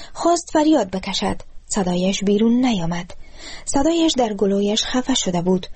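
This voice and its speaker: Woman reading a story, kinda breathy husky voice, a bit high. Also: mellow. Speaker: narrator. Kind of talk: reading a literary short story aloud.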